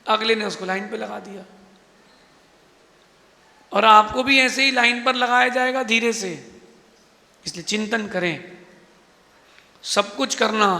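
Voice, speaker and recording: A Jain monk delivering an emphatic, rhetorical Hindi sermon with a preachy manner. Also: male voice, high voice, creaky, sharp tone. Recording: echoey hall.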